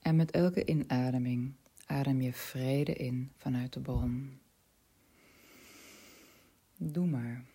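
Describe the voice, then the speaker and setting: A woman leading a spiritual guided meditation in a soft, slow voice that often drops to a whisper. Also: rumbling low, husky.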